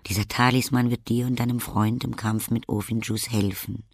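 A man reading an audiobook and voicing a small, kind, wise old sorceress, calm and motherly. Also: mid-range voice, moderate pace, gravelly, dry recording, studio quality. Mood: kindly.

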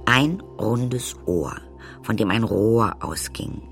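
A man narrating a children's audiobook in a lively way, speaking directly to the listeners. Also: lowish voice, slow, creaky, soft background music. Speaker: storyteller.

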